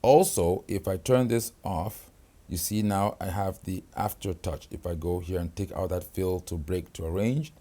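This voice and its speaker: With a low, dark voice at a moderate pace, the product demonstrator walks through a keyboard hands-on, going feature by feature. His manner is explanatory, and he keeps checking in with the viewer with "okay?" and "right?".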